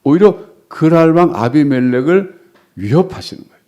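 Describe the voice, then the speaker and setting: A man's voice: a little high, lively intonation, normal speed, mellow, lo-fi sound. A middle-aged male pastor preaching a sermon in a conversational way, acting out quoted lines with rising emphasis.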